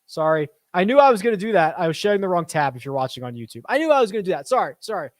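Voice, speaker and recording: A man's voice: high-pitched, big pitch swings, rapid-fire, dry recording. A man hosting a casual live stream, reading viewer questions aloud and answering off the cuff at his desk.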